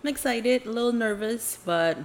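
A woman in her late twenties from Jakarta, Indonesia co-hosts a podcast in casual chat, informal, agreeable and a little hedging. Her voice is fairly high at a moderate pace, with slight background noise.

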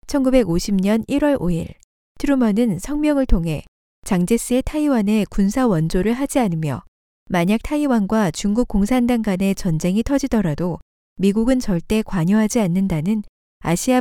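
A woman reading a nonfiction book aloud as scripted narration, steady and measured, on a close studio mic. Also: mid-range voice, no echo. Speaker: audiobook narrator.

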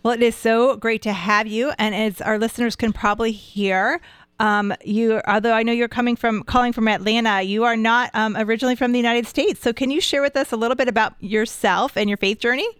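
A woman co-hosting a podcast, asking friendly, gently probing questions. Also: a little high, steady tone, fairly quick, clear, resonant tone, no echo, studio quality. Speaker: podcast co-host. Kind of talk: interviewing.

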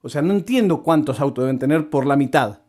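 A man's voice: a little high, expressive, quick pace, a little mellow. A man with an Argentine Spanish accent, telling a story in a casual monologue and repeating words for comic effect.

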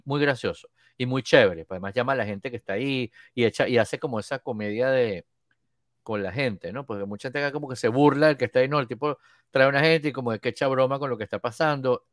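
Man, casual storytelling, animated, dry close sound. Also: mid-range voice, quick pace, no echo. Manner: animated storyteller, acts out quoted voices. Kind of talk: casual chat.

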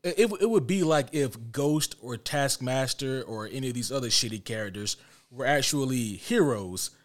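Ranking movie villains in a laid-back podcast conversation, this male co-host speaks at medium pitch and a moderate pace with lively intonation. He's blunt and profane, frequently starting his sentences over.

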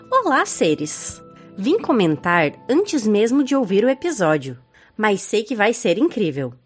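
A woman with a Brazilian Portuguese accent co-hosting a podcast, playfully reading out listener comments. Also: medium pitch. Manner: playful, laughs often. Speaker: podcast co-host.

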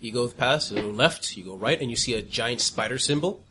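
Guy gm narrating the scene, bright voice, bit of background hiss. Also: mid-range voice, a little fast. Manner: calm descriptive narration, some restarts. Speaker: game master. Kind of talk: narrating a tabletop game.

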